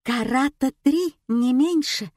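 A woman voicing a shrill, excitable, greedy woman tourist in an audiobook. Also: slow pace, dry recording, studio quality. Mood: greedy excited.

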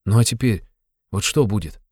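A man's voice: lowish voice, moderate pace, a little mellow, husky, no room sound, clean studio sound. A man voicing a brooding young man who talks in a sullen, clipped, abrupt way. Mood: gloomy.

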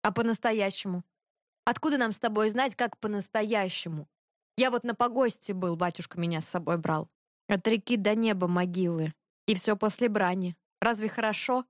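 A woman's voice: medium pitch, normal speed, no room sound, clean studio sound, natural voice. A woman doing a sullen young prince. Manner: curt, quietly stubborn.

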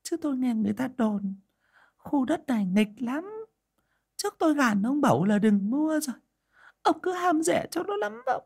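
Man playing a shrill fretful village wife. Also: sing-song, moderate pace, creaky, darkish tone, breathy edge, exaggerated voice. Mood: worried. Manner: shrill, fussy, panicky.

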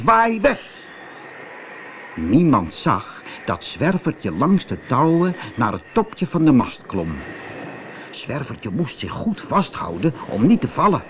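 A man reading a children's fairy tale aloud in an expressive, animated storytelling manner. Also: mid-range voice, slight background noise. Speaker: audiobook reader.

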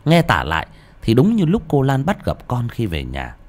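A man giving dramatic, expressive scripted narration of a horror story. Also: mid-range voice, moderate pace. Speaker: audiobook narrator.

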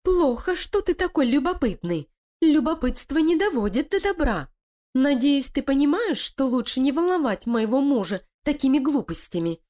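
A woman's voice: high-pitched, big pitch swings, moderate pace, darkish tone, voice pushed up. A woman voicing Lilia, a sly, scheming female animal who talks in a cold, threatening, commanding way.

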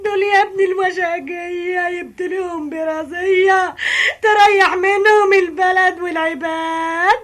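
Brash, big-hearted Egyptian shopkeeper, very high piercing voice, radio drama vendor calls. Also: female voice, fairly even intonation, normal speed, fairly bright tone. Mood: indignant, lamenting. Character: brash, big-hearted Cairo drinks-shop woman.

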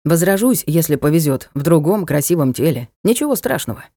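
A woman's voice: sits low, big pitch swings, fairly quick, mellow, no echo, studio quality. A woman voicing a blunt teasing knight. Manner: brusque, teasing, matter-of-fact. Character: blunt mocking young male knight. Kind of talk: audiobook character voice.

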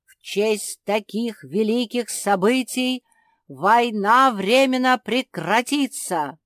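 A woman voicing a male royal herald who declaims a proclamation loudly and slowly. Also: a little high, expressive, no room sound, clean studio sound, pitched above the performer's own voice. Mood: proclaiming. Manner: loud, drawn-out declaiming.

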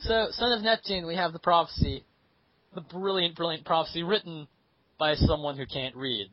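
Joking young man, husky lo-fi voice. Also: a little high, moderate pace, no room sound. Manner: joking, deadpan asides. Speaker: podcast co-host. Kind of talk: casual chat. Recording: dull lo-fi recording.

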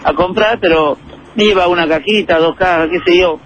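A man's voice: high-pitched, moderate pace, fairly bright tone, highs cut off, slight background noise. A man from Peru, an incense seller rambling earnestly with lots of fillers in a street interview. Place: flower shop by a busy avenue.

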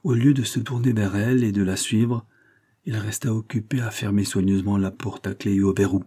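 A man reading a classic novel aloud as narrator, in a measured, even storytelling manner. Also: lowish voice. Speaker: audiobook narrator.

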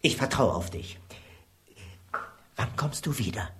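Jailed miller, pleading to angry, low but lively voice, bright edge, radio play. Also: male voice, a little slow, echoey room, far from the mic, a little hiss or hum. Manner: pleading, then angry outbursts. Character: imprisoned miller, grieving and hot-tempered.

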